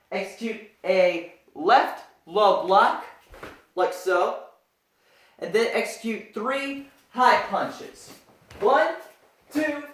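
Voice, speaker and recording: A karate instructor teaching step by step, with sharp martial arts commands. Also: medium pitch. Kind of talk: step-by-step karate demonstration lesson. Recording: echoey room, far from the mic.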